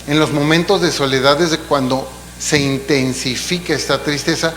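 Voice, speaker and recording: A man's voice: fairly high pitch, fairly even intonation, moderate pace, a bit bright. Man preaching in an echoing church hall. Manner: conversational, explaining with asides and rhetorical questions. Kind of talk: sermon. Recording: long hall reverb, faint hum.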